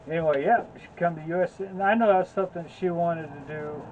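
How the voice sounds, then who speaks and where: A man's voice: fairly high pitch, fairly even intonation, fast, narrow, tinny audio, background noise. A man co-hosting in a laid-back, joking, rambling way, chatting about his year. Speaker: co-host. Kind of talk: casual chat.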